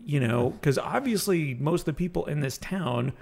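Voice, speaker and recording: A man in casual conversation, telling a personal story in a reflective, halting way with frequent restarts. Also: a little high, lively intonation, creaky, a little mellow, breathy edge.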